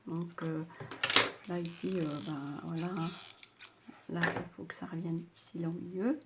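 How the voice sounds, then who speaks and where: An older Frenchwoman hosting a craft tutorial, speaking softly with a slightly sore throat, chatty and hesitant with many fillers. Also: fairly low pitch, level tone, measured pace, heavy background noise.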